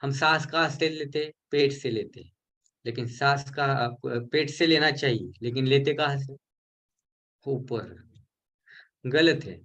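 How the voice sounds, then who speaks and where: A man giving a recorded lesson for a healing course, explaining slowly and repeating syllables to show how they are spoken. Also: medium pitch, fairly bright tone. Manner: mixes English terms into his explanations.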